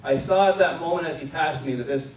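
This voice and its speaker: A middle-aged man, a military chaplain, giving an earnest inspirational speech to a live audience and slowing down to stress his key points. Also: a little high. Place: large room before an audience. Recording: echoey room, distant mic, faint background noise.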